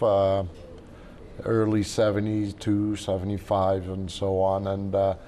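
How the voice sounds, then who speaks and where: A man's voice: on the low side, mellow, slight background noise. A man in his sixties from Quebec, French his first language, telling his story as a guest in a folksy, chuckling way. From Quebec, Canada. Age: 60s. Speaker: guest, driving school manager. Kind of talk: casual interview storytelling.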